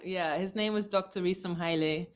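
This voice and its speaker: A woman guest, a language educator born in Thailand, talking in an animated, laughing way on a video call. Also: moderate pace. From born in Thailand, raised in several countries. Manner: animated, laughing, big swings in pitch. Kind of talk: casual conversation.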